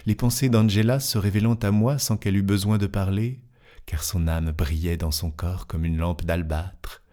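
A man reading a classic fantastic tale aloud in a measured, expressive way, lingering over descriptions. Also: sits low. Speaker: narrator.

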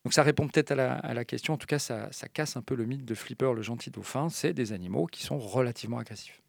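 Male expert guest, gravelly voice, dry close sound, lively explaining with frequent restarts. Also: mid-range voice, quick pace, dry recording. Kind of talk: radio science interview.

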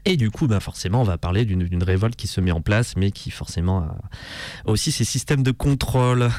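A man's voice: lowish voice, a little fast, a little mellow, no echo. A man hosting a radio show, talking casually and rambling with many fillers and restarts. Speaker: radio host.

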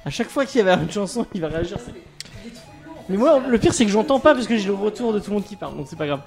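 A man's voice: high-pitched, lively intonation, rapid-fire, gravelly, soft background music. A man in casual chat, hesitant with many fillers and casual swearing.

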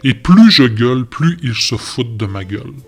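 A bitter, self-pitying neighbor who bellows every line, his voice pushing loud and climbing high, as a man puts him on in a recited story. He harangues without pause while a guitar plays faintly behind. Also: close to an everyday voice. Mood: ranting. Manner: shouting, harangues.

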